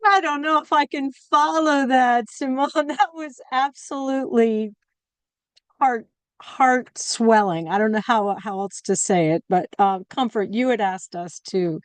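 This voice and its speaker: A woman's voice: mid-range voice, clear, resonant tone, dry recording. A woman on a webinar panel speaking casually, modest and a little hesitant. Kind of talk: casual remarks.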